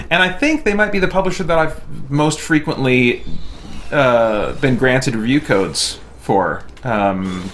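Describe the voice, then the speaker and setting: A man hosting a game livestream chats casually as he plays, rambling and thinking aloud; he streams and reviews games. His medium-pitched voice is expressive and slow, and there is clear background noise.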